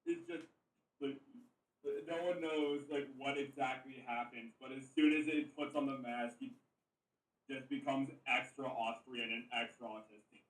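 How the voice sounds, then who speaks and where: A relaxed man talking through his character at a tabletop session, often breaking into laughter. His voice sits in a middle range and echoes around the room. He sounds a little away from the microphone. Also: medium pitch, measured pace, recorded from a distance. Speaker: player. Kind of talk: casual tabletop chat.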